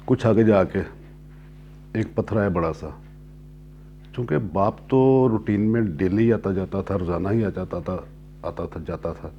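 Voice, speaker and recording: A man telling a motivational story at an unhurried pace, repeating and rephrasing his lines as he goes and clearing his throat now and then. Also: sits low, dull audio, a little hiss or hum.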